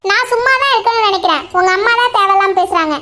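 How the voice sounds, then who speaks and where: A woman's voice: very high voice, very fast, pushed and bright, pitched above the performer's own voice. A woman voicing a young wife in a cartoon who talks back indignantly to her mother-in-law. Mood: defiant. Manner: retorting, indignant. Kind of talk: cartoon voice acting.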